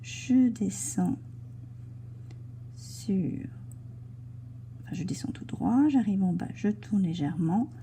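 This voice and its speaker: A woman teaching young children to write in cursive, slowly and gently describing each stroke as she writes and now and then dropping to a soft whisper. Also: mid-range voice, expressive, slight background noise. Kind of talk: handwriting lesson for children.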